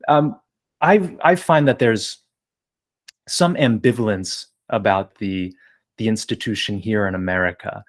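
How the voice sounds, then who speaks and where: A man's voice: on the low side, measured pace. A man from New Jersey hosting an interview podcast, asking long winding questions with many fillers. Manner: discursive, wordy, many fillers. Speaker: podcast host.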